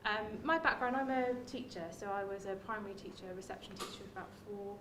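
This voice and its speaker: A woman's voice: mid-range voice, quick pace, roomy sound, distant mic, background noise. A woman, a music therapist and former teacher, giving a friendly workshop talk with frequent "um"s. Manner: friendly, many "um"s, speaks to the room. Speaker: early years music practitioner and music therapist. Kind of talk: workshop presentation. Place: workshop room.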